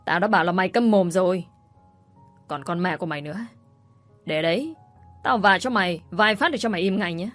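A woman's voice: mid-range voice, expressive, normal speed, pauses often, soft background music, close to an everyday voice. Woman reading as a spiteful scolding young woman. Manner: harsh, scolding. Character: spiteful scheming young woman, shrill bully.

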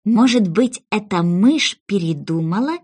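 A woman narrating a children's fairy tale audiobook in an expressive way. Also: mid-range voice, unhurried, husky.

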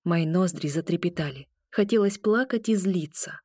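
A woman reading a novel aloud as a first-person narrator, in a measured storytelling manner. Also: fairly low pitch, a little mellow, no echo, clean studio sound. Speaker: audiobook narrator.

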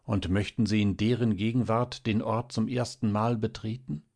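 A man voicing an earnest, mysterious young man who speaks softly and persuasively, in an audiobook reading. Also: fairly low pitch, fairly even intonation, moderate pace, gravelly. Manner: soft, pleading, then serious.

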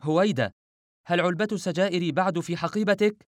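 A man's voice: high-pitched, quick pace, dry recording, clean studio sound, voice pushed up, close to an everyday voice. A man voicing a nervous older doctor who pleads hysterically into a telephone, in a storybook reading. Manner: hysterical, pleading repeated questions.

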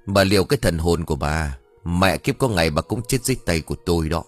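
A man's voice: sits low, animated, fast talker, faint music behind. A man voicing an aggressive drunk young tenant, surly and threatening.

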